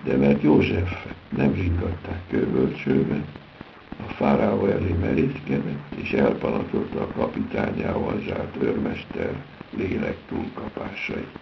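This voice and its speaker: A man giving a theatrical reading of literary prose, with a dramatic delivery. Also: vocal fry. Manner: theatrical, dramatic delivery with big pitch swings. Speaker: reader. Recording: dull lo-fi recording with steady background noise.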